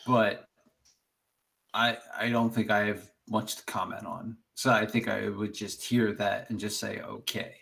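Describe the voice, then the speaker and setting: Male player, low gravelly voice, careful and deliberate in casual game chat. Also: little pitch movement, fairly bright tone.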